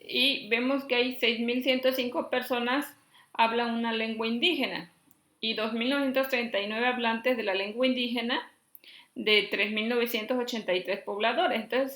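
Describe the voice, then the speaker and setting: A woman from Chiapas, Mexico, teaching a class and reading out long lists slowly, checking in with her students as she goes. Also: on the high side, a bit bright. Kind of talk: classroom lesson. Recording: echoey room.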